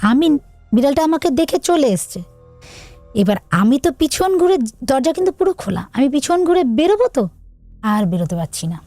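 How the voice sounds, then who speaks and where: Podcast guest: woman, fairly high, mellow voice; earnest, halting first-person ghost story over faint music. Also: very animated, no room sound. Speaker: guest telling her own story.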